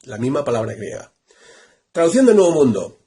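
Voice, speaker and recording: A man's voice: mid-range voice, big pitch swings, brisk, dark tone, slight background noise. A man giving a Bible study lecture, reading verses aloud and stressing each point emphatically by repeating it. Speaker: Bible teacher.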